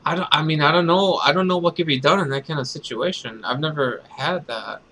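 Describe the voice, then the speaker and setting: A man's voice: on the high side, a little fast, pushed and bright, low-quality recording. A man casually commenting while playing a game, rambling and hesitant. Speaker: game streamer. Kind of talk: casual let's-play commentary.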